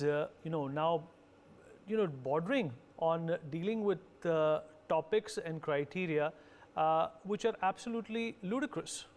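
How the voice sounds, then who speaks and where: A man anchoring a live news debate, firm and brisk with his guests. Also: fairly high pitch, darkish tone.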